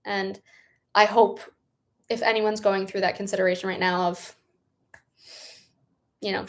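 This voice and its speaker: A woman's voice: mid-range voice, gravelly. A young adult woman hosting a casual livestream, answering viewer questions in a bubbly, chatty manner. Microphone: live stream setup.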